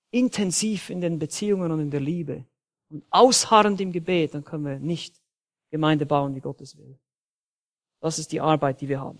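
A man preaching a sermon in a church, with emphatic, dynamic delivery that rises loud and drops soft. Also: fairly high pitch. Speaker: pastor.

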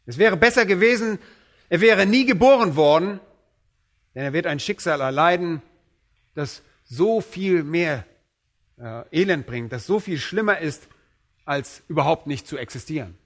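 Emphatic male preacher, slightly high voice. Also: fairly bright tone. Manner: emphatic, slows down and raises voice on quoted scripture. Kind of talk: sermon.

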